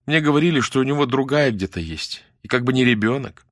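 A practical young woman with a blunt, knowing manner, as a male narrator plays her. His voice is lifted somewhat higher, plainly spoken and lively, recorded dry. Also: fairly quick, dry recording, natural voice. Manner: blunt, matter-of-fact.

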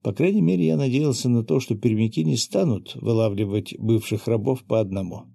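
A man reading an audiobook aloud in steady first-person narration. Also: medium pitch, a little fast, gravelly, husky, no echo, studio quality. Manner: steady, even storytelling.

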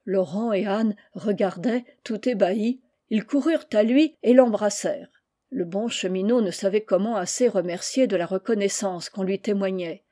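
A woman reading a classic children's novel aloud in a measured audiobook narration. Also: medium pitch, dark tone. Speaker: reader.

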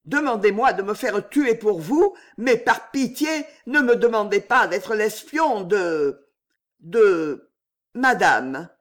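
A proud, brooding young servant, voiced by a man reading aloud speaks with fierce, held-back intensity. The voice sits high and swings widely in pitch, and the words come slowly. It is an audiobook reading. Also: very animated. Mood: pleading. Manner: intense, fierce restrained timidity.

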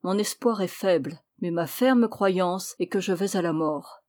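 A woman reading the lines of a stern old male nobleman in an audiobook, slow and solemn. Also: on the low side, darkish tone, natural voice.

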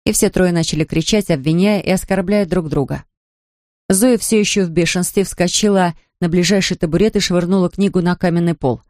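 A woman narrating an audiobook in a measured, expressive storytelling manner. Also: on the low side, dry recording, studio quality. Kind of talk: scripted narration.

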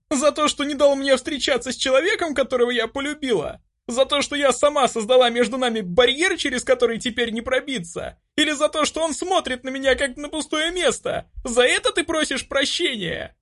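A man voicing a young noblewoman in an audiobook, distraught, shrill and near sobbing. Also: normal speed, fairly bright tone. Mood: furious. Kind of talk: audiobook character voice.

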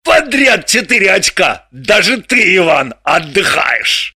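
A reader voicing a boisterous, boastful man who exclaims and shouts hearty remarks in an audiobook. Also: mid-range voice, very animated, slow pace, breathy edge, dry recording, clean studio sound, exaggerated voice. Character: boisterous loud man, boastful card-playing host. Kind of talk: audiobook character voice.

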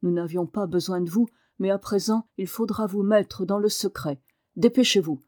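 A woman's voice: medium pitch, normal speed, darkish tone, lightly acted. A proud, frail boy barks orders like a young master, voiced by a woman reading a storybook. The reading is close and dry, with no echo. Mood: commanding. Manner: commanding.

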